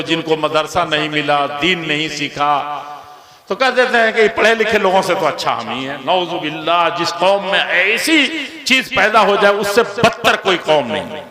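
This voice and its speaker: A man preaching a sermon to a gathering, swinging between loud emphatic lines and quiet low asides. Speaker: Islamic preacher.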